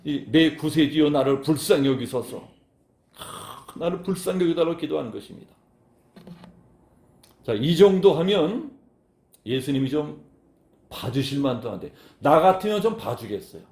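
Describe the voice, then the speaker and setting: Guy pastor preaching, chatty and animated, slightly high voice, roomy church echo. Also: moderate pace, creaky, pauses often. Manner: animated, acts out quoted lines with raised voice; conversational, talks directly to the congregation. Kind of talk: sermon.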